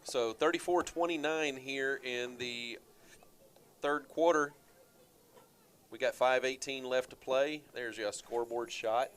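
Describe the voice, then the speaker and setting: A man doing play-by-play for high school football radio, chatty and relaxed with lots of fillers. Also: takes it slowly, clear, resonant tone. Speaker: play-by-play announcer.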